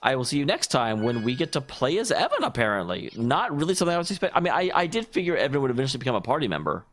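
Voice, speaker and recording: A man's voice: medium pitch, very animated, very fast, fairly bright tone. A man hosting a let's play, giving casual, rambling gaming commentary with speculative and self-deprecating asides. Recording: faint game music behind.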